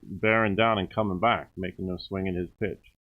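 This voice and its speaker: New york guy doing color commentary, real low voice, tinny phone sounding audio. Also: fairly even intonation. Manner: analytical, easygoing, a little halting. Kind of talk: baseball commentary.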